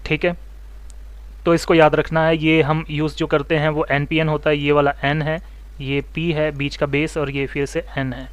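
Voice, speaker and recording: A man teaching mobile phone repair, explaining circuits step by step, asking students questions and telling them to take notes, and talking fast. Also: fairly high pitch, flat delivery, smooth, dry recording. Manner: talks fast, says so himself. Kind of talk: online electronics lesson.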